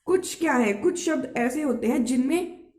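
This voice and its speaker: A woman teaching a grammar lesson, explaining step by step, asking herself rhetorical questions and checking with her listeners whether it is clear. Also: high voice, expressive, moderate pace, darkish tone, roomy sound.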